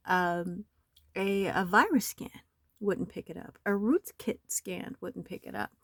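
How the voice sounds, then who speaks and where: A hoarse woman with a slight cold, talking in a rambling, aggrieved and urgent way in a home vlog. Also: mid-range voice, no room sound. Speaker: nonprofit website owner. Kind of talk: screen-recorded vlog. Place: home in the desert.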